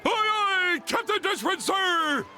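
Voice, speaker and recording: Slow, dopey cartoon starfish. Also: male voice, very high-pitched, music in the background. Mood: dopey, eager. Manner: goofy, slow-witted, echoing others. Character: dim, loyal, goofy male starfish sidekick. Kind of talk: animated game cutscene acting.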